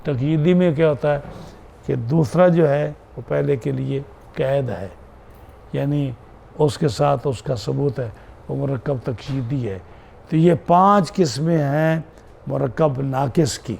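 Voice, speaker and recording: A man's voice: medium pitch, gravelly, darkish tone, slight background noise. A man teaching a classroom lesson on Arabic grammar, repeating key terms and checking in with his students.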